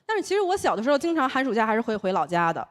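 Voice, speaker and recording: Against a noisy background, a young woman from Taiwan with a Beijing accent performs stand-up for a live audience. She speaks in a high-leaning voice at a racing pace, bringing her stories to life with quoted voices.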